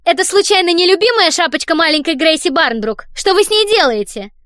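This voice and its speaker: A woman voicing a sly, mischievous boy who taunts in a shrill, sing-song way and lisps when faking a childish tone. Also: animated, fairly quick, a bit bright, no room sound, clean studio sound. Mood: fake childish. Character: sly mocking boy, a mischievous little schemer. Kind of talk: audiobook character voice.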